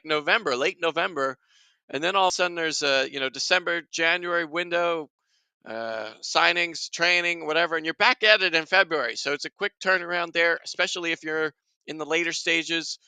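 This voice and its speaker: A man's voice: a little high, sharp tone, clean tone, no room sound. A man hosting a live soccer watchalong stream, chatting to his viewers in a rambling, casual way.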